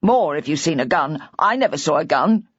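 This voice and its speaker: A woman narrator voices a despairing older husband who rambles in a near-hysterical, distraught rush, keeping close to her own husky tone. The voice is deep and expressive at a moderate pace, on a dull, dry recording with no echo.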